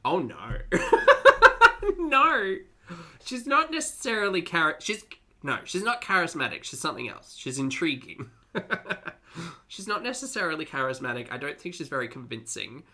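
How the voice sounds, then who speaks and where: This streamer's mid-range voice is very animated, bright and forceful, moving at a moderate pace while reacting to videos and chatting with viewers. Expect casual, wry live commentary with plenty of chuckles and repeated phrases.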